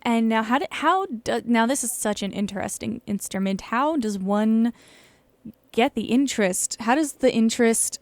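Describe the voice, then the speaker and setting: A woman's voice: a little high, lively intonation, normal speed, no room sound. A woman hosting a radio show from the studio, chatty and playful as she interviews a guest. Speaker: radio host.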